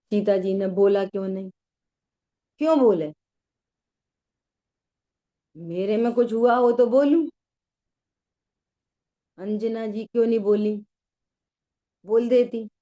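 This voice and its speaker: A middle-aged woman leads a scripture class, weaving a homely parable and stopping often to ask her listeners questions. Her voice sits a little high yet sounds dark and mellow. She acts out the people in her story as she goes. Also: dull audio. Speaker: scripture teacher. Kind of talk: religious discourse.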